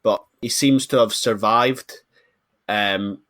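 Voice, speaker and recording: A British man with a fairly low voice talks casually as a podcast co-host. He tells things in a chatty, informal storytelling manner. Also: slow, fairly bright tone. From United Kingdom. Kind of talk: casual chat.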